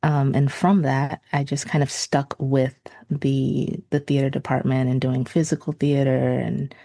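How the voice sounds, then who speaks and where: Mellow low-voiced woman podcast guest. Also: little pitch movement, measured pace, vocal fry, dry recording, clean studio sound. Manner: friendly, laughs often, a bit self-conscious. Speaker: guest, special effects artist. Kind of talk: casual podcast interview.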